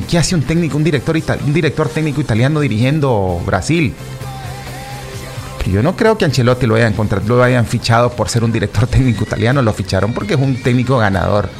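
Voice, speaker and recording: Faint music plays behind a mid-range male voice that's animated and a little fast. The football commentator offers loose, casual opinions to his regular audience, addressing them as "chicos," and his talk is full of fillers, restarts, and repetition.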